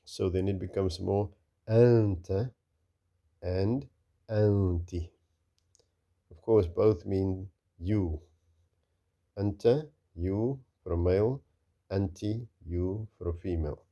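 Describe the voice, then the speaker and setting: A man teaching Arabic reading in a recorded lesson, slowly and patiently repeating each word several times. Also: low voice, dark tone, muffled recording.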